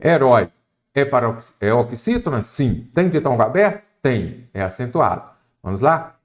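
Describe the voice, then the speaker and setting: A man's voice: mid-range voice, very animated, moderate pace. Brazilian guy teaching grammar for exams, quizzing then answering himself, swoops up and down a lot. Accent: Brazilian Portuguese. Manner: didactic, asks and answers his own questions. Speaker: Portuguese teacher for exam candidates. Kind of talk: exam-prep grammar lesson.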